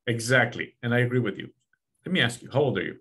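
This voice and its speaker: Hosting a casual podcast chat over a video call from a small office room, this man in his forties is earnest and repeats himself for emphasis. His medium-pitched voice is animated, quick and a bit bright.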